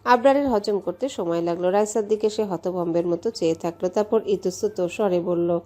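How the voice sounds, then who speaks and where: A woman from Bangladesh narrating a romance story in a steady, measured way. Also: on the low side, soft background music. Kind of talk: audiobook story reading.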